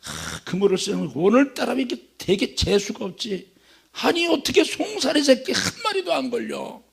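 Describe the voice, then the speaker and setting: Grumpy complaining fisherman, gravelly and husky, high and lively, put on by a male preacher. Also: normal speed, heavily acted. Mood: grumbling. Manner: whiny, complaining. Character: grumbling frustrated male fisherman Simon.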